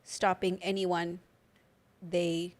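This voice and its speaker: A woman's voice: on the low side, little pitch movement, extremely slow. A young woman co-hosting a podcast in casual chat, talking with a slight lisp from new dental aligners and lots of filler words. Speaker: podcast co-host.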